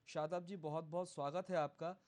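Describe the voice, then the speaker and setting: A man with a somewhat high voice moderates a news debate, cutting in with sharp, pressing questions. He keeps steering the guests back to his point. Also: fairly even intonation, brisk. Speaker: news anchor.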